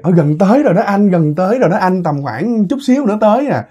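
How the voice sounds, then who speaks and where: A man doing a coaxing young woman passenger, her voice pitched up and hurried. It is a soft, husky voice giving gentle directions in a spoken ghost story. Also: sing-song, lo-fi sound, exaggerated voice.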